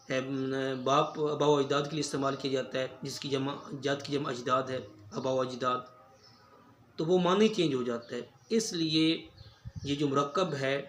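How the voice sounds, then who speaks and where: A man teaching a spoken lesson on pronunciation, explaining slowly and carefully with frequent hesitation fillers. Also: fairly high pitch. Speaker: Urdu language teacher. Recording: echoey room with faint ambient noise.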